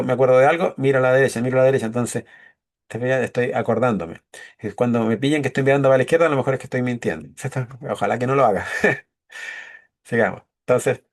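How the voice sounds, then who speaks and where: A man teaching a leadership course in a conversational lecture style, often checking in with his listeners and acting out short quoted exchanges. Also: medium pitch. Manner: conversational, keeps checking in with "¿cierto?", acts out little quoted exchanges.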